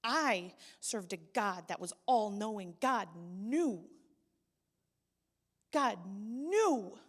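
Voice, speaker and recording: A woman's voice: mid-range voice, lively intonation, very slow. A young adult woman sharing a personal testimony at church, telling her story and acting out the people in it. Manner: storytelling, voices quoted people, grows loud and pleading. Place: church hall. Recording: long hall reverb.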